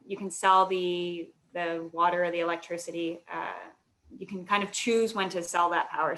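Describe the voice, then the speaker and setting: A woman's voice: on the low side, a bit bright. A woman answering questions as an alumna guest in a webinar, explaining at length with frequent fillers over a video call.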